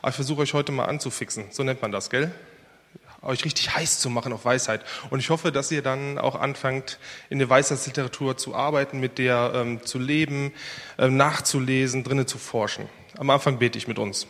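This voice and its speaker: A man preaching a sermon and praying before his congregation, earnest and lively. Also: mid-range voice, fairly quick. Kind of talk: sermon with prayer and Bible reading. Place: church hall. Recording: reverberant hall.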